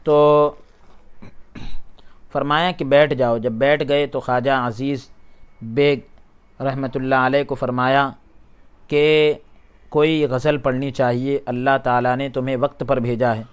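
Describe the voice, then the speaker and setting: A man with a smooth, resonant voice gives a religious lesson. He reads a passage aloud and then restates each phrase in plainer words. His pitch sits in an ordinary middle range, and he gets louder when he stresses a point. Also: flat delivery, pauses often. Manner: rises in loudness at emphatic points. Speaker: Islamic scholar teaching a class. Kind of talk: religious lesson, reading a text aloud and explaining it.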